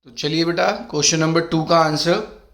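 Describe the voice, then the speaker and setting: Speaking with fairly even intonation, a middle-aged man leads an exam-prep lesson that blends Hindi and English. His voice is a bit higher than typical for a man and his throat is sore. He reads the questions out slowly and affectionately addresses students as beta.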